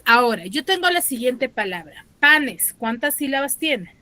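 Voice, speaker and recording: Patient Peruvian teacher, higher voice. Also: female voice, big pitch swings, bright, forceful tone. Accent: Peruvian Spanish. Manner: patient, checks understanding with tag questions, slows on key terms. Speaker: school teacher. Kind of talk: online class lesson. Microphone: dry close mic, online class.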